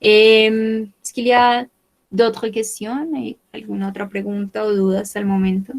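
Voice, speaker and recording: A woman gives an online French lesson in a slow, unhurried voice. She repeats every word two or three times and spells out the pronunciation carefully, like a patient teacher. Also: mid-range voice, little pitch movement, poor audio.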